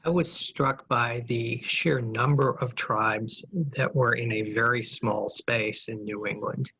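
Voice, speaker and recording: A man's voice: mid-range voice, fairly even intonation, slow, gravelly, bright, forceful tone, slightly rough. A man in a casual panel discussion, speaking reflectively. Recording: dull, lo-fi line.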